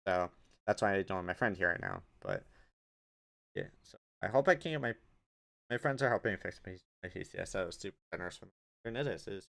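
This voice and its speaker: A man's voice: low-pitched, sing-song, fast talker, vocal fry, a bit bright. A young man hosting his own podcast alone, chatting casually and rambling off on tangents. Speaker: podcast host. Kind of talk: solo casual podcast chat.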